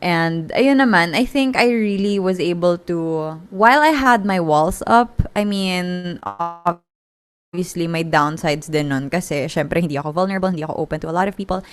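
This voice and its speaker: A woman's voice: on the low side, normal speed. A woman in her twenties with a Filipino accent, hosting a podcast and chatting casually, mixing Tagalog and English and laughing often. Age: 20s. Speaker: podcast host. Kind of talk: casual chat. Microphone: podcast call.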